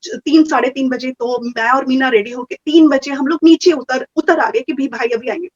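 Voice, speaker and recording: A woman telling a personal story in a casual, animated way, slipping English phrases into her talk. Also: high voice, moderate pace, slight background noise. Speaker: guest sharing experiences. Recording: muffled, dull audio.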